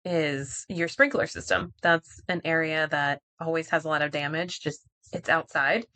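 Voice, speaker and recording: A woman's voice: low-pitched, steady tone, moderate pace, bright, forceful tone. A woman co-hosts a casual podcast. She explains home maintenance in a practical, matter-of-fact way. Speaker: podcast co-host.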